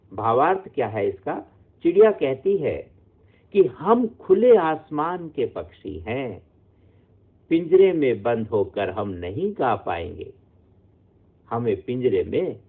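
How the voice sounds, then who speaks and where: A man teaches children a poem. He explains each word in a slow, patient way. His voice is thin and narrow, like a phone line. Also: mid-range voice, breathy edge. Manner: slow sing-song recitation. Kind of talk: Hindi poetry lesson for children.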